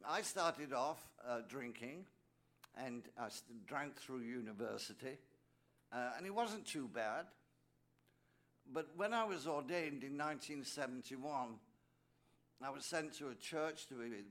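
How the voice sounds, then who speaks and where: An older English priest from England gives a personal testimony at a recovery meeting, his medium-pitched voice a bit bright and slightly slow. He tells anecdotes and drops joking asides to the audience.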